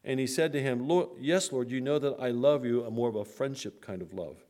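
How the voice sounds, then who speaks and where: A man's voice: mid-range voice, fairly quick, warm tone. A man preaching a sermon. He checks in with the congregation, stretches key words for emphasis and drops his voice for the somber points.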